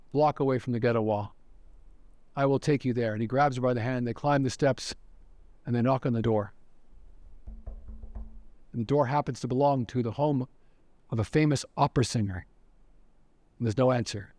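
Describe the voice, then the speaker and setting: A man's voice: medium pitch, a little mellow, no room sound. A man giving a recorded educational lecture as director of education, telling stories earnestly. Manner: earnest storytelling.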